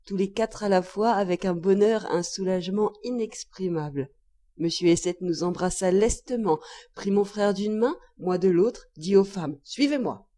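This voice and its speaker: A woman narrating a classic novel as an audiobook, expressive and lively, jumping high for the characters' cries. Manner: expressive, raises pitch sharply for quoted cries. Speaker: audiobook reader.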